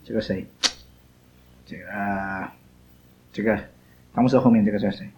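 A man's voice: fairly low pitch, fairly even intonation, measured pace, noisy background. A man teaching a Bible class, scolding students and drilling them with pointed questions.

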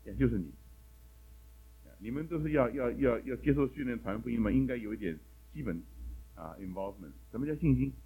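A man's voice: medium pitch, lively intonation, fairly quick, slightly rough, narrow, tinny audio. A man teaching a Bible class in a sermon style, asking the class one question after another and mixing English words into his talk.

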